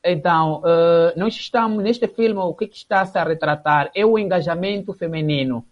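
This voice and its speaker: A man's voice: a little high, moderate pace. A man answering interview questions hesitantly, with many fillers. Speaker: theatre association member. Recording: dull lo-fi broadcast sound.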